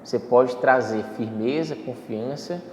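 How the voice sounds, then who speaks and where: Speaking a little slowly in a medium, darkish voice, an instructor walks through a public speaking lesson step by step, often using fillers and correcting himself. A little hiss or hum sits under the echoey hall's faint ambience.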